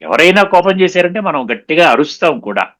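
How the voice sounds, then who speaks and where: A man giving a spiritual discourse, explaining patiently, slowing down on key sayings and often checking that listeners understood. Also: on the high side, sing-song, fairly bright tone. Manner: mixes English words into his talk; repeats and slows down on key sayings. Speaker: spiritual lecturer.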